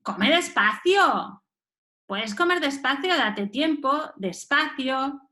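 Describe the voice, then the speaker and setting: Brief: female course instructor, high, animated pitch, coaxes the group along. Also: slow. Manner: reads phrases and rephrases them, coaxing participants. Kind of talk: live webinar teaching.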